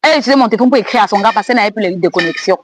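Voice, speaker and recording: Fast-talking, defensive woman. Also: mid-range voice, lively intonation, a little hiss or hum. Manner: defensive, insistent, quick to explain. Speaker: guest being tested. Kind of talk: casual conversation.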